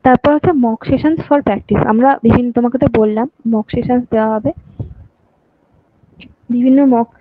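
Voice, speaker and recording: A woman's voice: on the high side, steady tone, normal speed, pauses often. A woman tuition teacher, giving an online lecture and often checking that students follow. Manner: repeats points, asks "ঠিক আছে?" often. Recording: tinny phone-like audio.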